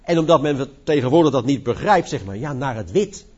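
A man's voice: mid-range voice, expressive, brisk, a little mellow, breathy edge. A man preaching a sermon with an emphatic, rising and falling cadence, addressing the congregation. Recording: dull lo-fi church recording.

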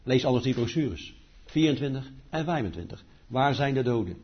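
A man preaching a sermon, declaiming scripture loudly and then dropping to quiet asides. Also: mid-range voice, expressive, moderate pace, breathy edge. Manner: emphatic, swings between loud declaiming and quiet asides. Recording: dull lo-fi recording.

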